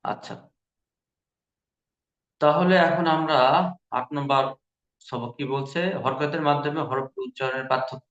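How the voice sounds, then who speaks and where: A man's voice: medium pitch, steady tone, a little slow, long pauses, a bit bright, lo-fi sound. A man teaching a Quran recitation class, patiently drilling each letter sound and repeating syllables. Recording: echoey room.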